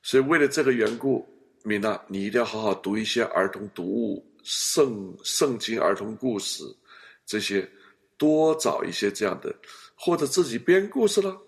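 Male pastor, animated storyteller with a gravelly edge; counseling talk. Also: on the low side, normal speed. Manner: animated storyteller, acts out family scenes.

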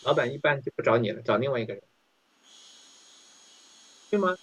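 A man's voice: medium pitch, lively intonation, a little fast, fairly bright tone, husky. A man leading an interactive Bible study, talking conversationally and often asking his listeners questions. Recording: dull lo-fi recording.

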